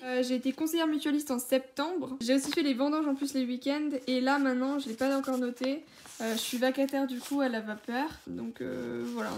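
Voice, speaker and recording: Young woman, student, higher-pitched voice, casual candid documentary talk, noisy surroundings. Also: darkish tone. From France. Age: young adult. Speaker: student looking for work. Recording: background noise, public bustle.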